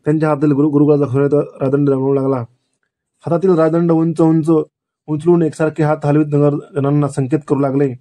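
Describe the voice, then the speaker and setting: Man narrating in a flat, measured way. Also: fairly high pitch. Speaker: audiobook narrator. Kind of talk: dramatic first-person novel narration.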